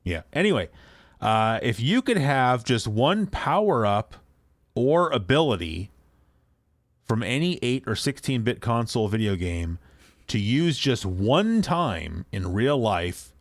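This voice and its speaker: In a casual podcast chat, a man with a medium-pitched voice reads listener emails aloud at a measured pace, rambling a little in his relaxed co-host manner. No room sound is audible.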